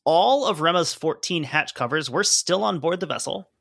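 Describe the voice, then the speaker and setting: A man's voice: on the high side, lively intonation, normal speed, gravelly, a bit bright, no echo, clean studio sound. A man co-hosting a podcast, reading from a report and chatting casually with lots of fillers. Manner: conversational, hedging with fillers while explaining. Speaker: podcast co-host.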